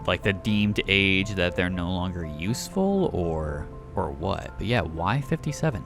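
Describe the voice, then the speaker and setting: A man's voice: sits low, expressive, unhurried, creaky, music in the background. A man giving casual let's play commentary, thinking aloud and reading game notes. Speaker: gaming YouTuber.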